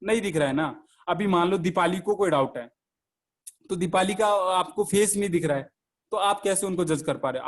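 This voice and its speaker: A man teaching an online class, explaining step by step and asking and answering his own questions while mixing in English terms. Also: on the high side. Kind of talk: online lecture on classroom communication.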